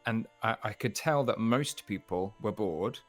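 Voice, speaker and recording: Man, low voice, soft-spoken, reflective, faint music behind. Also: measured pace. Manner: soft-spoken, reflective, stammers and restarts often. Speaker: musician guest. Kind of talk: relaxed interview chat.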